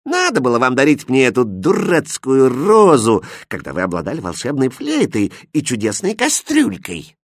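A sneering young princess who gives orders and counts down with cold contempt, as a man reading the tale puts her on. Her voice leaps up and down with lively swings, heard close and dry with no room around it. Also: mid-range voice, moderate pace, few pauses, dry recording. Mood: scolding. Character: haughty, spoiled young princess.

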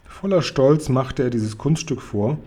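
Mellow, husky man reading a story. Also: mid-range voice, measured pace. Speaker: narrator. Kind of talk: reading a children's book aloud.

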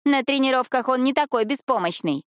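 A bratty teenage girl yelling and scolding in a high, loud voice, as a woman reader puts her on. She sounds fierce and bossy. The dry, close audiobook recording has no room sound. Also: animated, brisk, dry recording. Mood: angry scolding. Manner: shouting, scolding.

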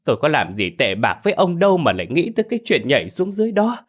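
A man voicing a middle-aged village wife who wails and scolds her husband loudly. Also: a little high, huge pitch swings, fast, slightly rough, pitched above the performer's own voice, exaggerated voice. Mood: wailing. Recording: faint background music.

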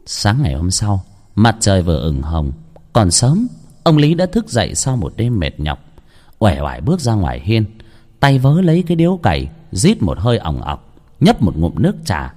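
A man's voice: on the low side, huge pitch swings, normal speed, darkish tone. A man narrating a horror story with dramatic delivery.

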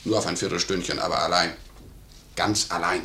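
An actor playing a blunt, gruff manservant to an officer in a 1950s German radio play. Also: male voice, low voice, steady tone, fairly quick, pushed and bright, slight background noise. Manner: blunt, gruff, plain-spoken. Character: blunt, loyal male servant of a major. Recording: roomy 1951 radio recording.

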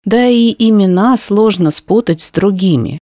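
A woman reading a first-person story aloud in a steady, even narration style. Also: medium pitch, unhurried, no echo, clean studio sound. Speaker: audiobook narrator.

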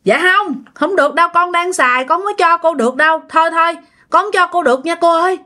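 A woman's voice: very high-pitched, fast, pushed and bright, pitched above the performer's own voice. Woman doing a flustered young man. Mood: annoyed. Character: annoyed young man refusing politely.

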